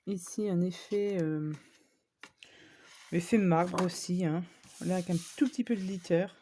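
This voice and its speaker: A woman's voice: on the low side, measured pace, mellow, a little hiss or hum. A woman chatting casually to viewers as she shows off craft supplies she bought, with lots of fillers and small asides. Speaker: scrapbooking vlogger. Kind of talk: casual shopping haul show-and-tell.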